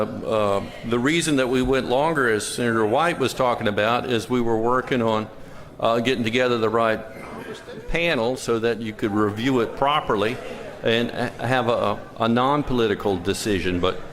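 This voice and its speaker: A man explaining a bill as a state senator in a deliberate, halting, conversational way. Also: mid-range voice, fairly bright tone. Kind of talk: informal legislative explanation. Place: large legislative chamber. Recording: long echoing hall reverb.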